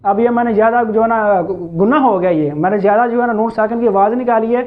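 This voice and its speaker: A man's voice: high-pitched, steady tone. Man teaching recitation, tinny phone-like sound. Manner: patient, repetitive, slow drawn-out recitation examples. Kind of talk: explaining tajweed rules.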